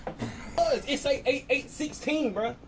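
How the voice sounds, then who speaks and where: A man's voice: very high-pitched, measured pace. A man at a store counter arguing with a clerk, insistent and repeating himself. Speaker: customer in a store. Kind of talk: frustrated argument.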